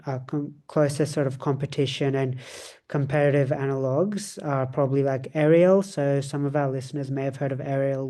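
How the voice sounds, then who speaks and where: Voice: mid-range voice, dark tone. A podcast co-host chatting casually about cars, rambling with many fillers and restarts.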